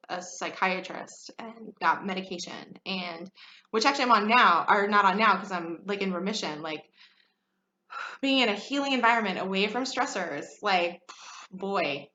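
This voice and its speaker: A woman's voice: mid-range voice, normal speed, bright, forceful tone, slight background noise. A woman in her thirties talking frankly about her own life, chatty and full of fillers. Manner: chatty and frank, many fillers, laughs often. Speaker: podcast host. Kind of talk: candid personal talk. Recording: echoey room, slightly dull sound.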